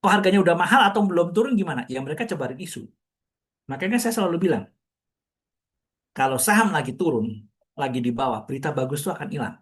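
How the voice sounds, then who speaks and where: A man talks through market ideas in relaxed conversation, throwing out questions and answering them himself. His voice sits somewhat higher than most men's and his words come quickly. He sounds like a commentator addressing a room of listeners. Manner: chatty, explaining with rhetorical questions. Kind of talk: casual market talk to an audience.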